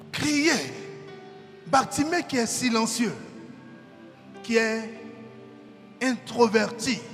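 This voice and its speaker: A man preaching a sermon in a fervent, shouting style with dramatic repetition. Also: very high-pitched. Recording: reverberant hall with faint music.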